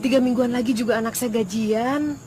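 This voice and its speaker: A woman's voice: on the high side, fairly even intonation, a little fast, over music, lightly acted. An actress playing a middle-aged, apologetic mother in debt in a TV drama, soothing and deferential. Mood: placating. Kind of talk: TV film drama acting.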